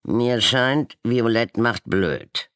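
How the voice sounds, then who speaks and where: A man voicing a boastful, croaking golden-yellow male raven in a storybook fable. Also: mid-range voice, extremely slow, no room sound, studio quality, voice pushed up. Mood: smug. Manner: smug, croaking.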